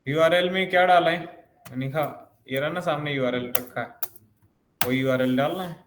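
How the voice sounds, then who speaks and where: A man with a fairly high voice teaches a coding lesson at a normal speed, explaining each step and posing questions to himself along the way. He is a programming instructor, recorded in an echoey room with faint background noise.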